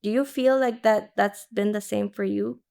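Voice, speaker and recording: A woman interviewer speaking reflectively and softly, with hesitant fillers. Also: mid-range voice, fairly even intonation, normal speed, gravelly. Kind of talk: interview conversation.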